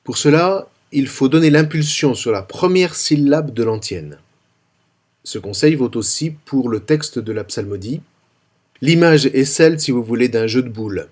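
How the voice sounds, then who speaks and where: Man giving a psalm singing lesson, steady careful diction, middle pitch. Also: moderate pace. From France. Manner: calm, clear, carefully articulated explanation. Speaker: liturgical singing teacher. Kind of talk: instructional tutorial with sung psalm examples.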